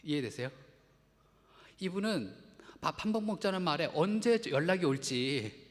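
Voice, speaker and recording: A man's voice: fairly high pitch, expressive, normal speed, in a large hall. A man preaching a Sunday sermon, conversational, acting out little quotes and asking the congregation questions. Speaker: pastor. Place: church sanctuary.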